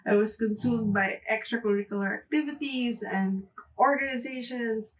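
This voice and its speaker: A young Filipino booktuber chats casually to camera with a Filipino accent, laughing lightly and saying "like" a lot. Her voice is fairly high at a moderate pace, but she's far from the mic and the recording is rough.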